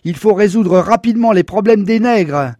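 Brief: a loud, sneering, menacing mob ringleader, played by a male narrator, raised pitch, dry close sound. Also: expressive, normal speed, no room sound, lo-fi sound.

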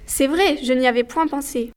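A woman's voice: high voice, normal speed, close to an everyday voice. A woman voicing a discontented, vain young wife in an audiobook story, speaking in a plaintive, sulky way. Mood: delighted. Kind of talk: audiobook dialogue.

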